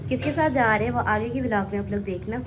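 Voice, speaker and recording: A woman's voice: a little high, fast talker, loud music behind the voice, rough recording. A woman in her thirties vlogging casually to a phone held at arm's length, chatting and narrating as she goes. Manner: chatty, narrates to camera with light laughs. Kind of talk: casual vlog chat. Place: car, then busy indoor amusement center. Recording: loud crowd and traffic noise.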